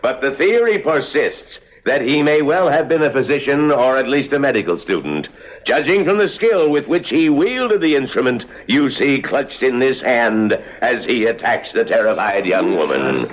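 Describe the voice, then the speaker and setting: An actor playing a courteous wax museum guide in a radio mystery drama. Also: male voice, mid-range voice, big pitch swings, normal speed. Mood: theatrical, grave. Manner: polite, theatrical when announcing. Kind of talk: 1970s radio mystery acting. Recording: muffled old radio broadcast recording.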